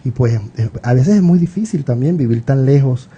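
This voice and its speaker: A man's voice: medium pitch, animated, moderate pace, dark tone, slightly rough, muffled recording. A middle-aged man with a Puerto Rican accent, a writer and professor chatting as a radio guest, reminiscing with fillers and restarts. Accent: Puerto Rican Spanish. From Puerto Rico. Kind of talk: casual radio interview.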